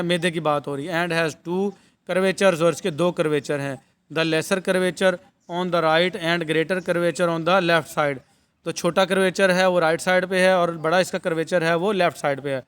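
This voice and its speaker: A male teacher with a smooth, clear voice held in a narrow, steady pitch range, sitting a little above the usual for men. He reads each line of the textbook out slowly, then explains it in a quick, familiar way, calling his students "beta" as he goes. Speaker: nursing course teacher. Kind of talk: bilingual lecture, reading English text and explaining it.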